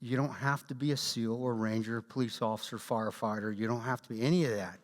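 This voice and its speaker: A man giving a talk at a church, telling a combat story in an animated way and acting out quotes. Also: medium pitch, quick pace. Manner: animated storyteller, acts out quotes, laughs often. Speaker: guest speaker. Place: church hall. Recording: long hall reverb.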